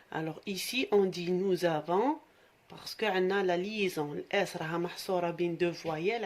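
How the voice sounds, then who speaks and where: A woman teacher, patiently taking young pupils through a French lesson and explaining in Arabic. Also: lowish voice. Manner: patient, slow dictation, switching into Algerian Arabic to explain. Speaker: primary school French teacher. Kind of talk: classroom lesson for children.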